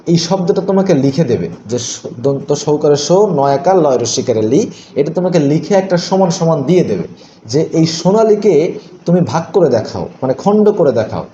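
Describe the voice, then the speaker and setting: A man teaching a grammar lesson for exam preparation. He talks straight to his students and drills word splits in a sing-song rhythm, dropping his pitch on each answer. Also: warm tone, reverberant, muffled recording, slight background noise. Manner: addresses students directly and informally.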